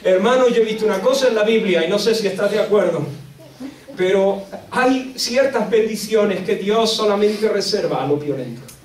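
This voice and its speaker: A man from Spain with a Spanish accent preaching a sermon at a church retreat, dramatic, swinging between loud outbursts and hushed lines. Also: sits high, expressive, moderate pace. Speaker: pastor. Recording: echoey room, distant mic.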